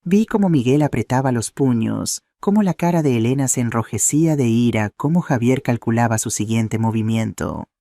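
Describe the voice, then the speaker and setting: A man reading a dramatic first-person story in steady narration. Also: mid-range voice, moderate pace, vocal fry, few pauses, no echo.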